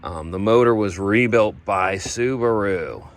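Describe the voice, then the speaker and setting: A man giving a casual walkaround of a vehicle he is giving away. He rambles, loses his train of thought and slips into a playful infomercial-style sales pitch. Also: measured pace. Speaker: vlogger showing a vehicle giveaway.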